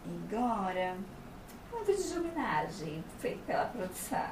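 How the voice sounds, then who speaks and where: A woman's voice: mid-range voice, very animated, normal speed. A woman hosting a podcast interview, chatty and enthusiastic. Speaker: podcast host, voice actress. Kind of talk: casual interview chat. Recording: roomy, distant mic, background noise.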